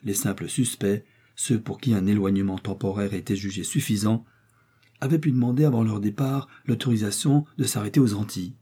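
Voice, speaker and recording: A man reading a literary story aloud as an audiobook, in measured, even narration. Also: on the low side, slightly rough.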